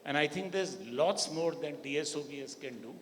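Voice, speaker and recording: A man's voice: fairly high pitch, moderate pace. A man offers unscripted remarks to a conference panel. The long reverb of a large hall trails his voice, with faint ambient noise behind.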